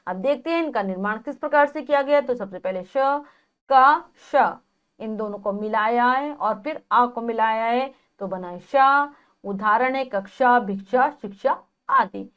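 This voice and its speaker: A woman's voice: on the high side, unhurried, lo-fi sound. A woman teacher giving a classroom grammar lesson, explaining each point and then going over it again with rhetorical questions.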